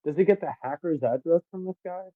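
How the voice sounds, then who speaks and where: Speaking briskly in a higher-than-average voice, a man co-hosts a podcast, chatting about a movie and retelling its story with an occasional curse. The recording is dry but tinny and phone-like, from a faulty mic.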